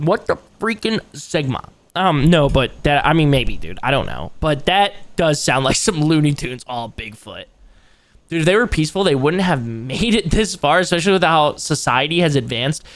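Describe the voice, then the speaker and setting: A man with an excitable frat-bro manner, swearing and using slang in casual reaction commentary as a streamer. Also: fairly high pitch, unhurried, dry recording.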